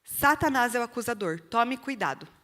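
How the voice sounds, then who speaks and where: A woman's voice: on the high side, expressive, normal speed, a bit bright. Earnest Brazilian woman preaching in a reverberant hall. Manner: earnest, direct appeals to the listener. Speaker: speaker giving a testimony at church. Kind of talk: sermon-style testimony. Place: church hall. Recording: long reverb of a church hall.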